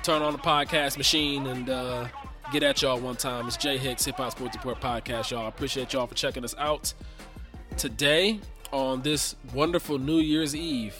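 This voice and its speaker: Over music, a male podcast host with a cold, slightly nasal and congested, delivers a casual, slangy, chatty monologue from his home recording booth. His voice is medium-pitched, with fairly even intonation and a normal speed.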